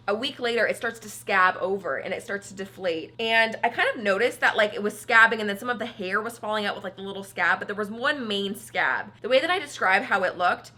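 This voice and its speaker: A young adult woman vlogger chatting casually and telling a personal story with animated, dramatic emphasis while she styles her hair. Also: medium pitch.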